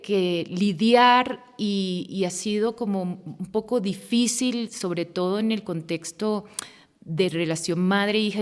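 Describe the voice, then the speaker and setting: An earnest woman in her forties, talking things through in long, searching sentences as a podcast guest. Her voice sits at a middle pitch and carries a long, hall-like reverb. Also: a little mellow. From Venezuela. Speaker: guest, women's rights activist. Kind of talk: podcast interview conversation.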